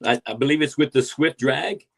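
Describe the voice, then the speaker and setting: A man's voice: medium pitch, moderate pace, vocal fry. A man hosting a podcast interview, effusive and hyped, praising his guest and swearing for emphasis. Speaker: podcast host.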